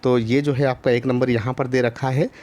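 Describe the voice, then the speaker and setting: A man's voice: medium pitch, flat delivery, a little mellow. Patient male teacher sounding out syllables. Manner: patient, repetitive, spells out each syllable; frequent drawn-out filler pauses. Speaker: primary school teacher. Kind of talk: online Hindi lesson for young children.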